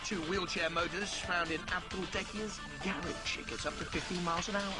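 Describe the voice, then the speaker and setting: Man, sports commentator, very high pitch, excited live calls, dramatic emphasis, loud music behind. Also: a little fast. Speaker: robot combat commentator.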